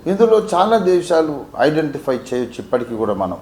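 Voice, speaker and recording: A man from Warangal, a pastor teaching a Bible sermon, swinging between quiet asides and emphatic peaks. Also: on the high side, big pitch swings, brisk, roomy sound, slight background noise. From Warangal, India.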